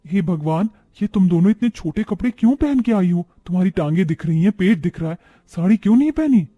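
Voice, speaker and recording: In an animated moral tale, a man voices an older village mother-in-law, high-pitched and plaintive. She's traditional and exasperated, sounding shocked as she scolds with dramatic exclamations at a fairly quick clip. The audio is phone quality.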